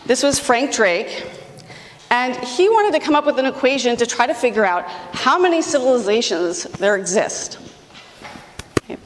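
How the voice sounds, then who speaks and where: Enthusiastic woman lecturing in a big hall. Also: fairly high pitch. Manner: enthusiastic, emphatic, addresses audience directly. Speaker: astronomy public lecturer. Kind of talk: public science talk. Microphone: far camera, room mic. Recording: distant voice in a reverberant hall.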